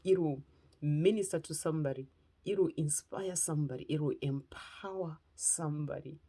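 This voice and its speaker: A woman's voice: sits low, normal speed, dark tone, slightly rough. A woman from Zimbabwe with a Zimbabwean accent, giving an earnest personal testimony as a motivational speaker and lifestyle preacher. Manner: earnest, heartfelt, speaking in short phrases.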